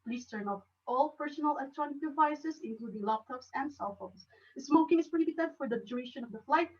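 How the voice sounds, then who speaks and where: Filipino woman doing a calm flight attendant, soft polite announcement voice, highish, far-off muffled sound. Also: a little fast, lightly acted.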